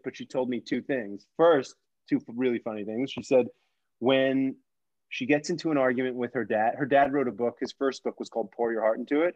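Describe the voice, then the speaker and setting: A man tells a story with breathless, animated energy, leaning on "like" as he goes and slipping into the voices of the people in it. The sound is dry and close, with a slightly muffled, lo-fi tone. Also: mid-range voice, no echo. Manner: excitable, heavy use of "like", acts out voices. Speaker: podcast co-host telling a guest story.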